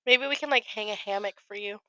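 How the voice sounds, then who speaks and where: A woman's voice: mid-range voice, fast, bright, forceful tone, no room sound, rough recording. Congested woman in casual podcast chat. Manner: chatty, laughs often. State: congested from a cold. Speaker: podcast co-host. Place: home podcast studio.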